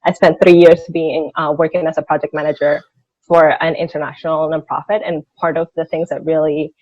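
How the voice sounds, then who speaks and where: Her deep voice is flat and darkish, and her pace is brisk. She's a Venezuelan senior financial analyst in her thirties, giving casual interview answers sprinkled with "like." The recording is dry and dull.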